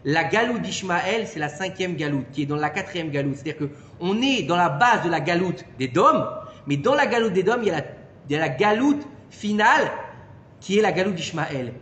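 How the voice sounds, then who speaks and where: A man giving an informal Torah lesson to a small group, animated and peppering his listeners with questions. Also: high-pitched, brisk. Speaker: Torah teacher. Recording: echoey room with long reverb and faint noise.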